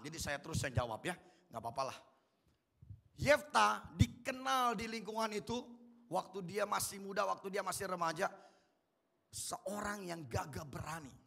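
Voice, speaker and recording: A man's voice: sits high, vocal fry, bright, forceful tone. A male pastor giving an interactive sermon in a colloquial way, quizzing the congregation with repeated questions.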